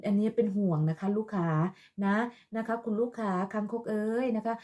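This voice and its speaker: A woman's voice: mid-range voice, normal speed, warm tone. A woman ranting in a vlog monologue, scolding and mocking with crude insults in a sarcastic motherly tone. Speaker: online commentator.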